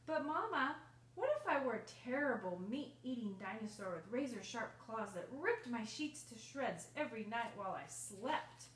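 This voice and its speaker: A woman's voice: fairly high pitch, expressive, moderate pace, fairly bright tone. A woman voicing a small, imaginative storybook child who asks questions in an eager, insistent way. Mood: pleading, curious. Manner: eager, pleading, exaggerated questioning. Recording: roomy, distant mic, faint noise.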